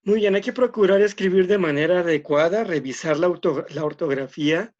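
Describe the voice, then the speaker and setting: A man's voice: high-pitched, brisk, a little mellow. Male teacher, muffled online class. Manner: explanatory, many "este" fillers, repeats words.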